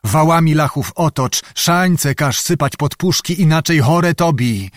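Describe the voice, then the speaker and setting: A man's voice: a little high, a little slow, dry recording, pitched above the performer's own voice, close to an everyday voice. Man voicing cossack colonel, blunt, threatening, defiant, dry recording.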